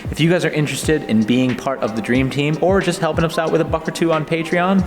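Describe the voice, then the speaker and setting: A man's voice: fairly high pitch, fairly even intonation, quick pace, roomy sound. A man hosting, talking in a casual, chatty style. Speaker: host. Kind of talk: casual chat and announcements. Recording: background music under the voice.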